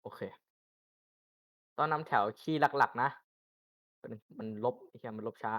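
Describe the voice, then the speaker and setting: A man's voice: mid-range voice, normal speed, a bit bright. A young man casually teaching game tactics, rambling with fillers and crude swearing. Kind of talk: casual informal tutorial.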